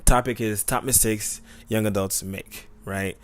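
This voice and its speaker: A man's voice: fairly low pitch, fairly even intonation, measured pace. A man in his twenties co-hosting a podcast, rambling and joking with lots of "you know". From Tampa, Florida. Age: 20s. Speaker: podcast co-host. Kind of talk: casual podcast chat.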